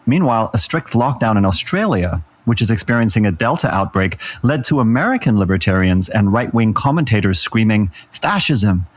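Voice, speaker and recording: Man, low voice, podcast co-host, scripted intro, measured read. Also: expressive. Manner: measured read-aloud delivery.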